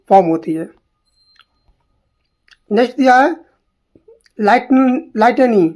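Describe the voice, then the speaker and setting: Slightly high and darkish in tone, this woman's voice leads an exam-prep literature lesson in a Hindi-English mix. She asks questions and answers them herself, going over each literary term more than once.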